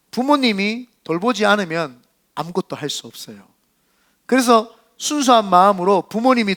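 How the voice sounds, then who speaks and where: A man delivering a Sunday sermon from a church sanctuary, his voice pitched high and swinging widely up and down. He talks to the congregation in a lively, conversational way and slips in playful asides. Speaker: senior pastor.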